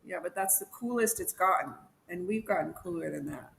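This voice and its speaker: A co-host in a casual livestream chat from home, easygoing and a bit unsure, laughing softly now and then. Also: medium pitch, fairly quick, vocal fry, rough recording. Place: home in Mexico.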